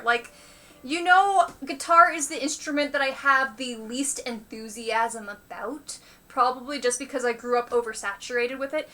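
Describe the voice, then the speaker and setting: A woman chatting casually on a live stream about learning the banjo, talking with quick enthusiasm and muttering to herself between phrases. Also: high voice, pushed and bright. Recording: banjo music behind. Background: banjo playing.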